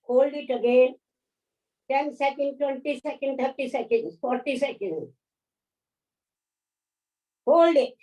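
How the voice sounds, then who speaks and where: Woman, yoga teacher, high voice, slow gentle instructions, a bit far from the mic. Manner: gentle, unhurried counting and encouragement. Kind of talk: guided yoga class instruction. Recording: voice from a distance off the mic.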